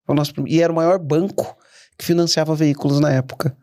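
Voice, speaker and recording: A middle-aged man, a guest entrepreneur telling stories in a casual interview, animated and quick to restart his sentences. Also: on the high side, no echo, clean studio sound. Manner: animated, anecdotal, frequent restarts.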